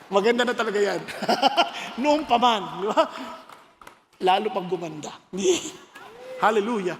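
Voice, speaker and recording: High-voiced Filipino pastor preaching, echoing hall. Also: male voice, a little slow, slight background noise. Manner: animated, joking, switching between Tagalog and English. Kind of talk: sermon. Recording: long reverb of a church hall.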